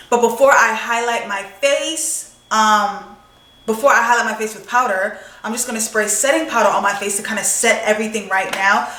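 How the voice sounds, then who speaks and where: Chatty young woman, bright and roomy. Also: mid-range voice, recorded from a distance. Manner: chatty, expressive, swears freely. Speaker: beauty vlogger. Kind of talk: casual chat while doing makeup. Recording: echoey room, voice a bit off-mic.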